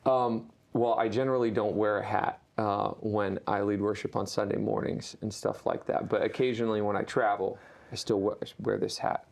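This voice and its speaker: Gravelly low-voiced man from Ohio. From rural Ohio, USA. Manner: relaxed, halting, many fillers. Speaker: guest musician. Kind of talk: casual interview talk.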